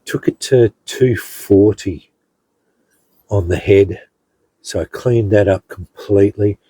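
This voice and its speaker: A middle-aged man, a hobby blacksmith, casually showing off his finished pieces in an unhurried, rambling way, with many ums and restarts. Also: lowish voice, mellow, breathy edge, no room sound, low-quality recording. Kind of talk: casual show-and-tell narration.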